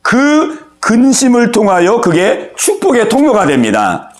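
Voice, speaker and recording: A man preaching in a high, bright register, his pitch leaping and dropping as he acts out anxious thoughts and fervent prayers. He keeps asking the congregation for their amens and calls out members by name. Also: a little slow. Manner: animated preaching, acts out inner worries and prayers. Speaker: pastor. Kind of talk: sermon. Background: congregation answering amen.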